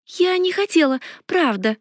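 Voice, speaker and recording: A woman's voice: very high voice, expressive, a little slow, no room sound, studio quality, pitched above the performer's own voice. A woman voicing a flustered young witch heroine who pleads and protests in a raised voice. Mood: apologetic.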